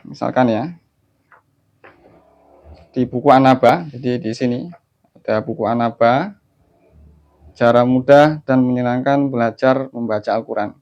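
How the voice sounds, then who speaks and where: A man teaching Quran recitation online, explaining patient steps and then chanting verses slowly in a melodic tone. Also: mid-range voice. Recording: dull lo-fi audio.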